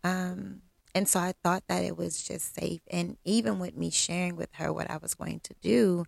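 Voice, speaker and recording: A middle-aged woman with a low, strongly gravelly voice full of fry tells a personal story straight to camera. She talks bluntly and with self-assurance, often stopping on a filler "um". The sound is close and dry. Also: steady tone, moderate pace, no echo. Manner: blunt, candid, self-assured straight talk with frequent ums.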